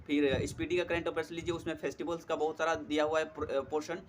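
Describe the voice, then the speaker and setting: Young guy w chatting exam tips, bit high voice, lots of "um"s, slight hiss behind. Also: flat delivery, quick pace. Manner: friendly, repeats "theek hai doston", many fillers. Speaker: exam prep tutor. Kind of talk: casual study advice talk.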